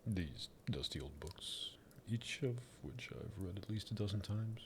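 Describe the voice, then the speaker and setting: Breathy and gravelly, a man's lowish, expressive voice plays a possessive, sadistic vampire master for ASMR roleplay, teasing and politely threatening at a measured pace. There's slight background noise.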